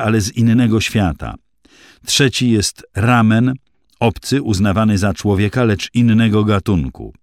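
A man's voice: lowish voice, a little mellow, no echo, clean studio sound. A man voicing a precise, scornful young female student who lectures exactly.

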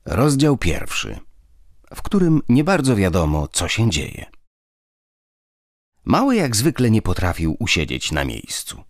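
A man narrating an audiobook in a lively storytelling manner. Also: fairly low pitch, a little slow, long pauses, dry recording, clean studio sound. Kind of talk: scripted narration.

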